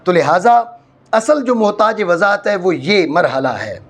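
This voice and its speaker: A man from Pakistan gives a classroom lecture on Arabic grammar, explaining step by step, repeating points, and often checking that his students follow. His voice is high and expressive.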